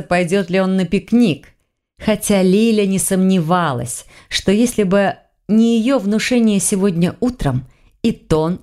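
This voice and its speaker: A woman narrating a mystery audiobook in an even, measured reading voice. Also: medium pitch. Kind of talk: scripted narration.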